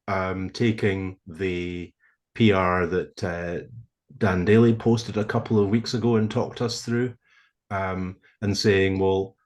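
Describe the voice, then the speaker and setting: A man on a video call presenting a technical proposal to a committee, speaking in a measured, hesitant way with frequent ums and restarts. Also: deep voice. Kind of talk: presenting a proposal over shared slides. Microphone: computer mic on a video call.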